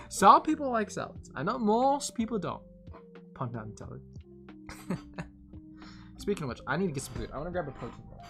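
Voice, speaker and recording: A young woman streamer chatting casually with her viewers, rambling and laughing often, going from animated bursts to tired murmurs. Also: low voice. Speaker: live streamer.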